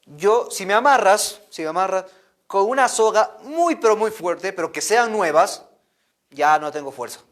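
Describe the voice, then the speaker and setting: A boastful biblical strongman confides his secret in a fairly high, lively voice , as a man puts him on while telling the story. It comes from a children's storybook lesson, and the speaker stays close to his own voice. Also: normal speed. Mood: confiding.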